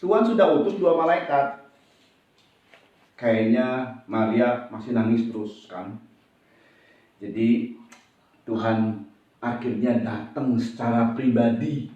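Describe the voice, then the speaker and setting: A male pastor preaching a sermon in a lively, animated way, slipping into acted-out voices. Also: mid-range voice, takes it slowly, long pauses. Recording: echoey hall, distant and dull.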